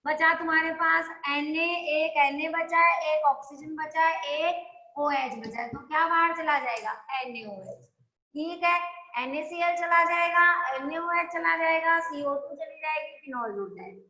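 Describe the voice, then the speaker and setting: Bright high-voiced woman teaching chemistry. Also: a little slow. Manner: explains step by step, keeps asking the class if they follow. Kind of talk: classroom lecture. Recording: echoey room.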